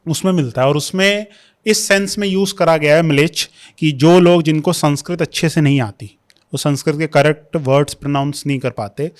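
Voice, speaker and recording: A man's voice: on the high side, normal speed. A young man, a history scholar who explains at length in a podcast interview, mixing English terms into his Hindi. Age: young adult.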